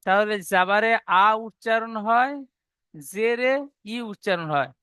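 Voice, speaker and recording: A man teaching Arabic reading in an online class, spelling letters slowly and drawn out, then explaining briskly. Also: sits high, pushed and bright, clean tone, dry recording.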